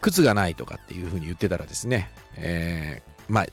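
A man from Shizuoka with a Shizuoka accent, hosting a solo podcast in a polite, chatty way full of filler pauses. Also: sits low, lively intonation, vocal fry, slightly rough, soft background music. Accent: Shizuoka Japanese. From Shizuoka, Japan. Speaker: podcast host. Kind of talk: casual solo podcast talk.

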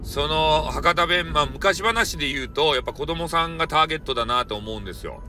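A man's voice: a little high, fairly quick, bright, forceful tone. A man with a Hakata dialect hosting a solo podcast, joking around in a playful, mock-formal way. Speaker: podcast host, storyteller. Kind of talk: casual solo podcast talk.

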